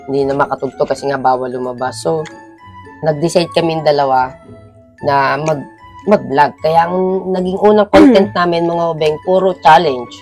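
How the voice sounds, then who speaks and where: A woman co-hosting a couple's vlog, telling the story in a lively way and speaking straight to the viewers. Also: deep voice, moderate pace, soft background music. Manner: animated, speaks directly to viewers. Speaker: vlogger co-host. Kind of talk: casual vlog chat to viewers.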